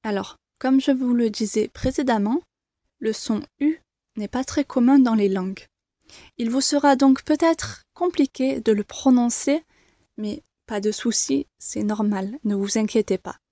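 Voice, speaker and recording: A woman teaching the alphabet to beginners, saying each letter slowly and clearly, repeating it and reassuring learners. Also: a little high, dark tone, dry recording, clean studio sound. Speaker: French teacher. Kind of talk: slow, careful pronunciation lesson.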